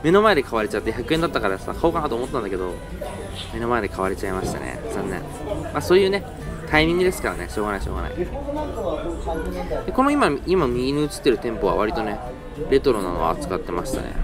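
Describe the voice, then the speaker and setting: A young man talks quickly and rambles as he narrates his browsing through a flea market, correcting himself as he goes. His pitch jumps around in a lively way. Faint music plays behind him while he speaks into a handheld camera in a parking garage. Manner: chatty, rambling, self-correcting. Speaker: toy-hunting vlogger. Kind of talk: casual narrated vlog.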